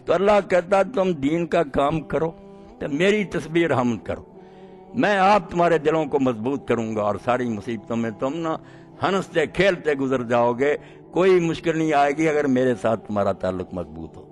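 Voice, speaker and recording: Impassioned man preaching over soft music. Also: on the high side, lively intonation. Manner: impassioned, swinging from soft to loud. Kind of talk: sermon.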